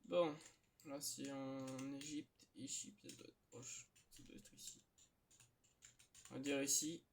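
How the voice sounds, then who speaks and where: A man hosting a gaming video, chatting casually and hesitantly with lots of filler sounds, with occasional excitable outbursts. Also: medium pitch, slow pace, a little hiss or hum. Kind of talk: casual gameplay commentary.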